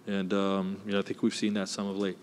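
Man, 40s, head coach at a postgame presser; low voice, measured and filler-heavy, faint background noise. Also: completely flat delivery. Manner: measured, many "you know" fillers. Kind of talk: postgame press conference answers. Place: indoor press room. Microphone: desk mic, close.

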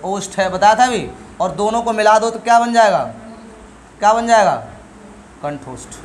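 A man's voice: high voice, moderate pace, slight background noise. A middle-aged male teacher giving a classroom lesson, asking questions and answering them himself while drilling sounds.

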